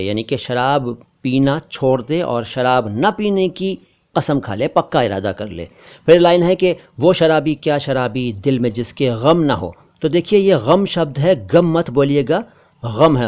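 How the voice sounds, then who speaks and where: Male language teacher; patient, repeats each word slowly and clearly with stress. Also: medium pitch. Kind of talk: explaining song lyrics and pronunciation.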